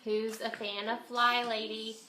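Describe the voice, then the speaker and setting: Speaking fairly high and a little slowly with a flat delivery, a woman who homeschools and vlogs talks casually to the camera indoors at home. A slight cold leaves her voice congested and nasal, like her nose is pinched. Faint noise sits in the background of the echoey room.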